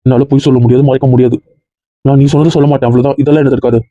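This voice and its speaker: A man's voice: mid-range voice, flat delivery, very fast, no room sound, natural voice. A man playing a hot-tempered young groom. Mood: defiant. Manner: defiant, argumentative. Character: stubborn young groom, quick to anger. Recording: muffled lo-fi sound.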